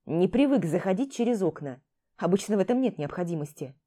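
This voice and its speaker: A woman's voice: on the low side, expressive, brisk, mellow. A woman voicing a nervous, bookish young man who grumbles reluctantly.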